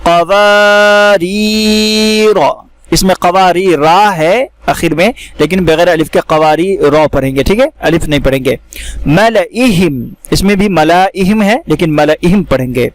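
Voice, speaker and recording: A man teaching how to read the Quran, explaining each word and then reciting it slowly with drawn-out vowels. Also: on the high side, no room sound. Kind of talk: step-by-step recitation lesson.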